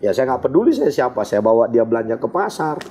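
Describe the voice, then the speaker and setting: A man as an interview guest, telling a personal story in an expressive, animated way. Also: mid-range voice, fast talker.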